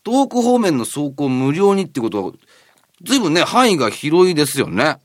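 A man's voice: a little high, sing-song, a little fast, no room sound, studio quality. A man presenting and interviewing as a radio host in a chatty, polite, lightly joking way. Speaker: radio show host and reporter.

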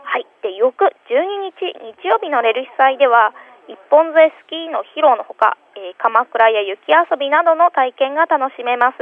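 A woman with a high, cute anime-girl voice, giving a polite event report as a correspondent over a telephone line on the radio. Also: lively intonation, moderate pace. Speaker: phone-in correspondent from a city tourism office. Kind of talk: prepared event report in a radio phone interview.

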